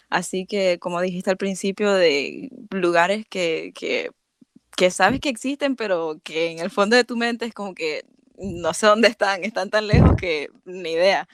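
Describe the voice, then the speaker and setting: A woman from Venezuela with a Latin American accent talks as a podcast guest. She speaks at a mid pitch, warm and hesitant, often pausing on fillers. The sound is close and dry. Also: dry recording. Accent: Latin American Spanish. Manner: warm, hesitant, many fillers and soft laughs. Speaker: podcast guest, chemical engineer. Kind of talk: casual interview chat.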